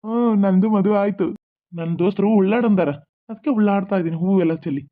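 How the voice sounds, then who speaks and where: A woman's voice: mid-range voice, quick pace, lightly acted. A woman voicing a simple-minded, worried young male king in a cartoon, muttering his thoughts aloud. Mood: giddy. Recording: tinny phone-like lo-fi audio.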